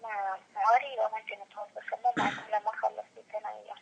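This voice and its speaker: A woman's voice: mid-range voice, flat delivery, fast talker, gravelly. A woman with a Hijazi Saudi accent in a casual phone chat, questioning insistently. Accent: Hijazi Saudi Arabic. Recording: phone line with faint noise.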